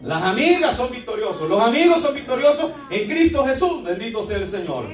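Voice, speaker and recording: Fervent high-voiced preacher in echoey church. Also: male voice, big pitch swings, fairly quick, far from the mic. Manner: fervent, repeatedly addressing the congregation as brothers. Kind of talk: sermon.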